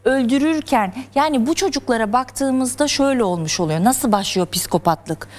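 A woman's voice: a little high, expressive, moderate pace. A woman explaining psychology terms step by step as a guest on a television talk show. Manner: earnest, lecturing, explains step by step. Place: television studio.

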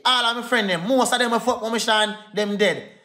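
With a sharp, high-pitched tone, a Jamaican Patois-accented man vents furiously on a phone livestream. He repeats insult after insult in a rapid, heated rant.

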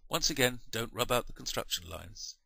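Bright, crisp maths teacher. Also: male voice, medium pitch, lively intonation, no echo. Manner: patient, measured, with self-corrections. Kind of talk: explaining a maths lesson over diagrams.

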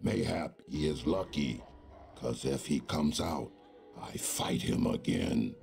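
An actor playing a brutal, sneering orc chieftain in a fantasy game, guttural and menacing, in broken old-fashioned English. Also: male voice, extremely low pitch, sing-song, takes it slowly, darkish tone, soft background music, exaggerated voice. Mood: grudging, fierce. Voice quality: very gravelly, guttural. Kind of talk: scripted fantasy game dialogue.

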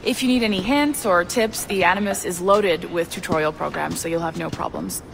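An actress voicing an upbeat young woman supervisor in a video game, with a brisk, businesslike delivery. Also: on the low side, gravelly, a little hiss or hum. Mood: encouraging. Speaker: supervisor character. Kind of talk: scripted video game dialogue.

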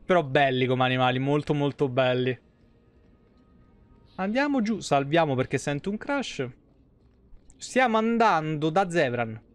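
A game streamer with a fairly high-pitched male voice chats casually with viewers while he plays, using colloquial language and swearing. He's in a small room at home, and there's no echo.

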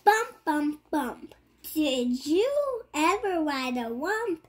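Extremely slow and high-pitched, a child's voice reads a picture book aloud, its pitch moving up and down with liveliness.

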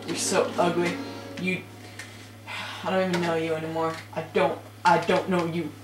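A man's voice: on the high side, little pitch movement, normal speed. Casting: playful male let's-play host, jokey and teasing, echoey room with game music playing behind. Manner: playful, joking, teasing the characters. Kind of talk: gaming commentary.

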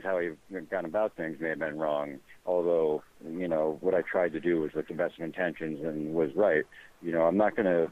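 A man calling in as an interview guest, speaking in a halting, defensive way with many fillers. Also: sits low. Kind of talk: live call-in interview. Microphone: phone call. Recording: tinny phone line.

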